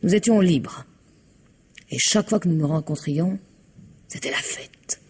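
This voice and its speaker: The actress speaks a little slowly in a husky, fairly low voice. Her role in this old 1960s French radio play is a reticent, proud woman whose husband has disappeared; under questioning she stays guarded and emotional, occasionally dropping to a hush.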